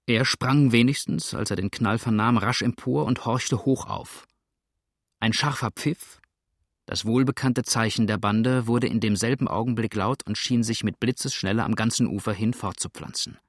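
A man narrating an adventure novel in a steady, measured reading voice. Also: medium pitch, no room sound, clean studio sound. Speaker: audiobook narrator. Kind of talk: scripted narration.

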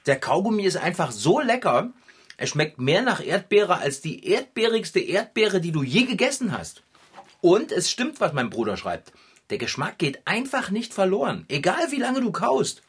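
An actor playing an easygoing, good-natured bike mechanic in a children's audio drama, cheerful and laid-back. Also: male voice, high-pitched, very animated, moderate pace, slightly rough, heavily acted.

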